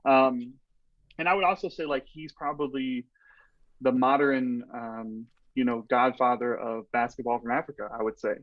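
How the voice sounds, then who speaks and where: Casual male podcast guest, mid pitch, rambling storyteller, muffled dry mic. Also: fairly even intonation, normal speed, no echo. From Texas. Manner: rambling, lots of "like" and "you know". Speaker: podcast guest, strength coach.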